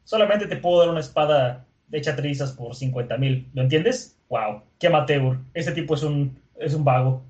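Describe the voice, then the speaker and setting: A man's voice: a little high, moderate pace, few pauses, darkish tone, roomy sound, highs cut off, lightly acted. Man doing a greedy, scheming sword seller. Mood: scornful. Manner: wheedling, greedy, overexcited.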